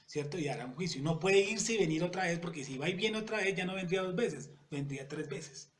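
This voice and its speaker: A man teaching a Bible study in a conversational way. He often checks in with the audience and reads scripture verses slowly and deliberately. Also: high voice, slight background noise. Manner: conversational, keeps asking "yes or no?" to the audience.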